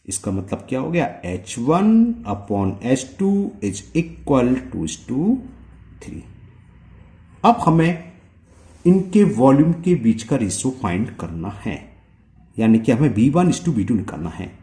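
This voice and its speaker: A man explains a maths solution slowly, one step at a time. He often stops to ask the viewer whether it is clear. His voice is warm and mellow, and his pitch moves up and down a lot. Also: very animated. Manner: slow, step-by-step, asking the viewer questions. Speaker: maths teacher. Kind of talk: explaining a multiple-choice solution.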